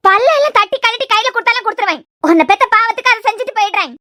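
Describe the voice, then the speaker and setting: A woman playing a shrill, furious mother-in-law. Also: racing, sharp tone, no room sound, clean studio sound. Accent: Kanyakumari Tamil. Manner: harsh, threatening scolding. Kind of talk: cartoon serial voice acting.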